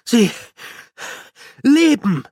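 A man's voice: high voice, lively intonation, unhurried, slightly rough, dry recording, studio quality, pitched above the performer's own voice, full character voice. A man voicing a frantic young male con man, agitated and breathless. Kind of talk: audiobook character voice.

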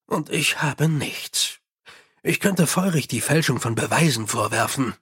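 Male reader as a gruff watch commander, brusque and exasperated, husky voice. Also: mid-range voice, animated, a little slow, fairly bright tone, exaggerated voice. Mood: brooding.

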